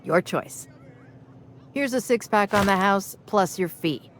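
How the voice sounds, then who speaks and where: A woman's voice: mid-range voice, animated, takes it slowly, a little hiss or hum. An actress playing a stern, no-nonsense female bar owner in a game, firm and dry. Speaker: game character.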